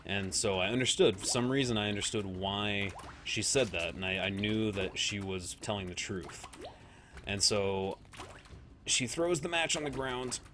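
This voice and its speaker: A man's voice: lowish voice, a little slow. A man streaming a video game live, chatting casually with viewers, reacting aloud to the play and laughing often.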